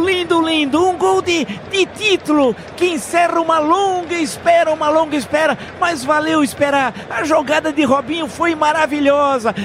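A man performing as a fervent radio football commentator, with explosive goal commentary, drawn-out shouted calls and emphatic repetition. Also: very high voice, background noise. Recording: music behind the voice.

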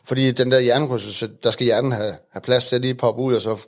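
A man's voice: medium pitch, fairly even intonation. A man in his thirties, a guest in a casual chat, telling candid stories with frequent laughter.

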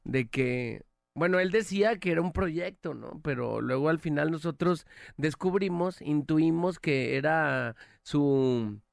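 A man's voice: a little high, measured pace, vocal fry, dry recording, studio quality. A man with a Mexican Spanish accent, hosting a morning radio show and telling stories with acted-out quotes in joking banter.

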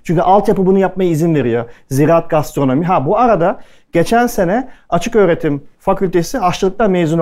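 A man's voice: on the high side, darkish tone. A man speaking at a culinary event, telling stories casually to the audience and acting out the lines of the people in them. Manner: chatty anecdotal delivery, acting out quoted dialogue. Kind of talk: casual storytelling talk to an audience.

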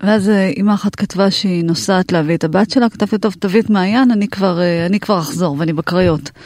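Woman retelling a frightening day, halting. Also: medium pitch, darkish tone, no room sound, studio quality. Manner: tense, halting retelling with restarts, voice rising when quoting. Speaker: guest, mother. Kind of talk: emotional personal storytelling.

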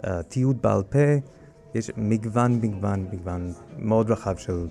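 A man with a lowish, mellow voice and a strong American English accent in Hebrew. He speaks as an interviewed curator, explaining haltingly, with restarts and a gravelly creak. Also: soft background music. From United States. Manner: halting, with frequent hesitations and restarts. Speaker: guest curator of a library collection.

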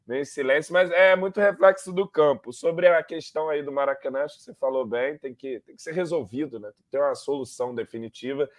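A man's voice: fairly high pitch, fast, hardly any pauses, no room sound, studio quality. A man with a Brazilian Portuguese accent comments on football in a casual, slangy, conversational way. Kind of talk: casual sports discussion.

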